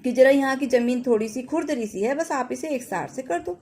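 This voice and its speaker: A woman's voice: high voice, moderate pace, a little mellow, close to an everyday voice. A woman voicing a humble, devout old village woman in a devotional folk tale, speaking modestly and contentedly.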